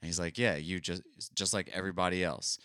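A young man with a low, deep voice tells stories in a relaxed, chatty podcast style. He slips into other people's voices as he retells each scene. The sound is dry and close, with no room around it. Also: fast talker, no room sound. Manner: animated storyteller, acts out quoted dialogue. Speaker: podcast co-host. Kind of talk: casual chat.

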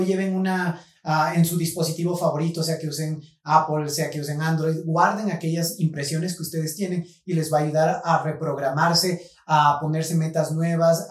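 A man, a Spanish speaker, co-hosting a casual podcast and plugging its sponsors. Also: on the high side. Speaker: podcast co-host. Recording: roomy echo, faint music bed.

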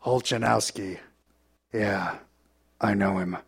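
An actor playing a tough, menacing 1930s American adventurer with a gruff, hard-boiled manner in a live audio drama. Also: male voice, lowish voice, steady tone, slow, exaggerated voice.

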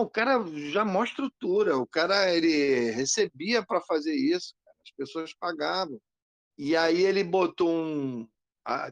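Gravelly man telling a story. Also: on the high side, no room sound. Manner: animated, acts out quoted lines. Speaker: podcast co-host. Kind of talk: casual storytelling.

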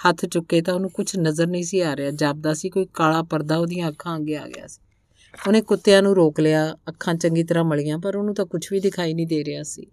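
A woman narrating a translated novel aloud in an even, measured storytelling manner. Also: low voice, dry recording, clean studio sound.

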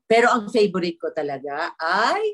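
Middle-aged actress gabbing away, animated, laughs a lot, mixes english in. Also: female voice, on the low side, moderate pace. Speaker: actress guest. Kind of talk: casual chat in an online interview.

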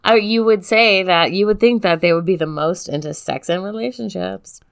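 A woman's voice: mid-range voice, normal speed, creaky, clean tone. A woman co-hosting a casual podcast chat, talking in a loose, filler-heavy way and giggling often. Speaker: podcast co-host.

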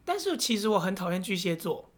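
A woman's voice: medium pitch, sing-song, a little fast. A woman with a Taiwanese Mandarin accent, co-hosting a podcast in casual chat, blunt and teasing and swearing casually. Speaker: podcast co-host.

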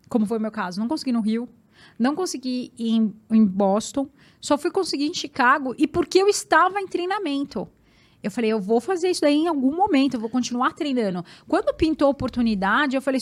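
A woman with a Brazilian Portuguese accent, a guest and marathon runner, telling her story in an animated, emphatic way and often repeating words. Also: fairly high pitch. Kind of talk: personal storytelling in conversation.

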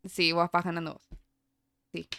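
A young woman with a Rioplatense Spanish accent, playing a film quiz in casual chat with a friend, giggly and animated. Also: lowish voice, normal speed. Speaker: quiz player.

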